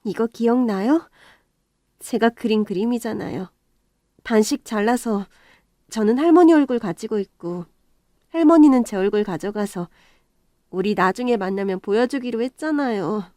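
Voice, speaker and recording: A woman's voice: fairly high pitch, normal speed, pauses often, mellow, no room sound, studio quality, close to an everyday voice. A woman voicing a kind, emotional young woman in her early thirties in a storytelling radio drama. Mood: earnest. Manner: pleading, emotional.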